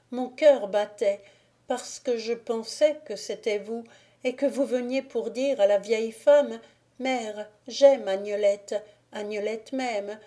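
A woman voicing a gentle, innocent young peasant woman who speaks softly, in an audiobook. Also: a little high, pitched above the performer's own voice. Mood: tender. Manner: soft and gentle. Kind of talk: audiobook character reading.

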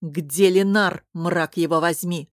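A woman reading an audiobook who voices a proud young princess, sharp, sarcastic and impatient. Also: lowish voice, steady tone, slow, no echo, studio quality. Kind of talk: audiobook character voice.

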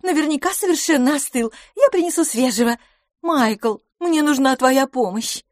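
A high, lively young woman bubbling over with excitement, as a female audiobook reader puts her on. Her voice swoops up and down as she gushes, and the read sounds close and dry. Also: normal speed, dry recording. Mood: gushing.

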